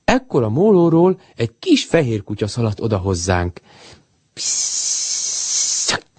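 A man reading a children's storybook aloud in an expressive, animated way. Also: mid-range voice, husky, no room sound.

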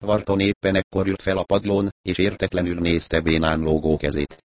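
A man reading a crime novel aloud as an audiobook narrator, in a calm, even storytelling manner, lightly acting out the dialogue. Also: sits low, no room sound.

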